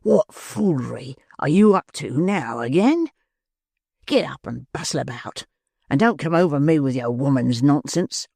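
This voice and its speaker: A man's voice: medium pitch, a little slow, darkish tone, no room sound, clean studio sound. A man playing an ill, bad-tempered housebreaker who growls and snaps his lines curtly. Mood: savage. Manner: gruff, growling, curt. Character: sick, brutal middle-aged male housebreaker, savage temper.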